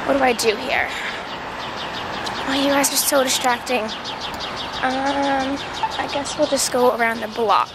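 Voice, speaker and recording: A woman with a cold records a casual walk-and-talk vlog on a handheld camera held close as she strolls city streets, her high voice congested. She tells animated, chatty stories with acted-out quotes at a measured pace, pausing often, as traffic passes and street noise rises around her.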